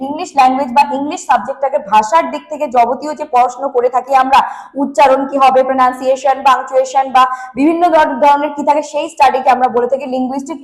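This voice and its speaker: A woman's voice: high-pitched, rough recording. A woman with a Bengali accent teaching an online exam-prep lesson, asking her students questions and then answering them herself, repeating her points with emphasis. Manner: repetitive, emphatic.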